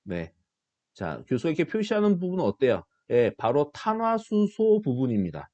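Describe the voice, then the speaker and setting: A man's voice: fairly high pitch, wildly swooping pitch, normal speed, mellow, no echo. A middle-aged man, a university biology professor, giving a recorded online lecture, asking his students questions and answering them himself, with self-deprecating asides.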